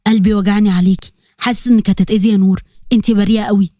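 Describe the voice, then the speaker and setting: A woman's voice: a little high, racing, a little mellow, dry recording, studio quality, voice pushed down, natural voice. A woman doing a worried Egyptian father. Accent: Egyptian Arabic. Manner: heavy, anxious, pleading. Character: worried middle-aged father, protective.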